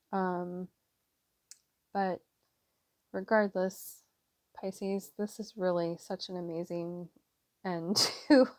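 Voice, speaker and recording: A woman's voice: fairly low pitch, a little mellow, no room sound. Chatty woman giving a tarot reading. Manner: chatty, rambling, many fillers. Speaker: tarot reader. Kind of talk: casual tarot reading monologue.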